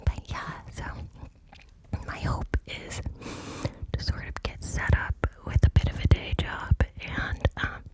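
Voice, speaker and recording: A woman whispering into cupped hands close to the mic, ear to ear, in a hesitant, informal ASMR ramble. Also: slow. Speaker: ASMR content creator. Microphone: close microphone, ear to ear.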